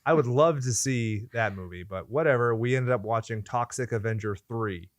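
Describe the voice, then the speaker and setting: A man's voice: medium pitch, moderate pace, no room sound. A man hosting a podcast in casual chat, riffing in crude joking rants full of swearing. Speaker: podcast host.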